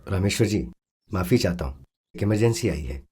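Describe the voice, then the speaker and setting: An earnest, principled hero. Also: male voice, deep voice, animated, normal speed, warm tone, slightly rough. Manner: earnest, persuasive. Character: calm, principled young male officer. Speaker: officer, hero. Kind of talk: Hindi film dub.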